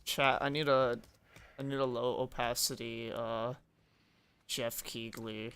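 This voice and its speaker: A man hosting a casual reaction stream, excitable and joking, laughing often with his friends. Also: mid-range voice, slow, vocal fry, clean tone. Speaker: streamer hosting a watch party.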